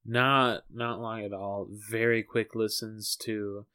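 A man's voice: fairly low pitch, flat delivery, takes it slowly, sharp tone, clear, resonant tone. A man co-hosting a podcast in casual chat, earnest and keen to set the record straight. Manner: earnest, keen to correct himself. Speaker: podcast co-host.

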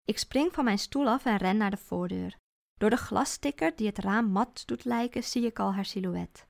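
A woman reading a first-person story aloud, expressive with a deadpan sense of humour. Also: mid-range voice, moderate pace, gravelly.

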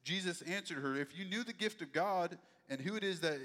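A man's voice: sits high, a little fast, a bit bright, big-room sound. A man preaching a sermon in a conversational, folksy way. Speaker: pastor.

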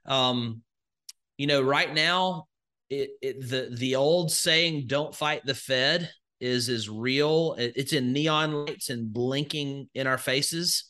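Speaking slowly, this Southern man sounds pushed and bright at a medium pitch. He's a crypto educator from Northwest Alabama, and as a podcast guest he rambles folksily through his story with plenty of fillers in a conversational interview.

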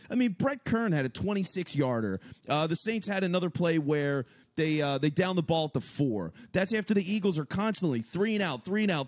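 Animated, high-voiced man talking sports. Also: dry recording, clean studio sound. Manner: animated, profane, rambling with restarts. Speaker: sports podcast co-host. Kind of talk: casual sports talk.

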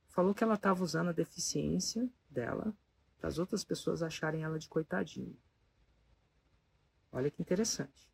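A speaker, telling a story casually to an audience in an animated way and asking the listeners rhetorical questions. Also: medium pitch, a little fast, creaky, pauses often, breathy edge, no echo.

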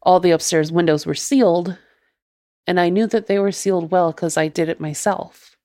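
Low-voiced podcast lady slowly telling a spooky story of her own, dry close sound. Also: steady tone, dark tone, no echo. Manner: measured, deliberate storytelling. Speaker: podcast host. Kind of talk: first-person ghost story narration.

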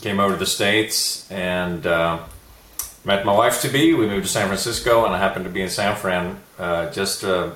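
A man from Sweden, a guest entrepreneur, telling his story in a relaxed, reflective interview. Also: sits low, normal speed, roomy sound, poor audio. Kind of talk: casual interview chat.

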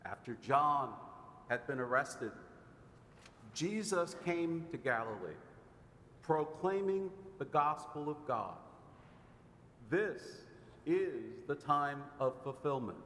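A man serving as deacon, reading the gospel aloud in a slow, measured proclamation, with a cathedral echo around his voice. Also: fairly bright tone. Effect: cathedral echo, long church reverb. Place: large church. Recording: echoey church hall with faint rumble.

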